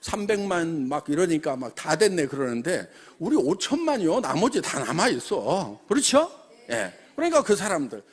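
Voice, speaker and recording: Animated high-voiced Korean man orating. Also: moderate pace, husky. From Jeolla region, South Korea. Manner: animated, peppers speech with rhetorical questions and laughs. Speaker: company chairman addressing members. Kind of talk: motivational business talk.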